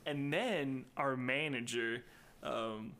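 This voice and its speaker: A man's voice: mid-range voice, takes it slowly. A man casually telling funny coworker stories in a chat podcast, laughing often. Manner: relaxed, laughs often, mimics people. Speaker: podcast guest.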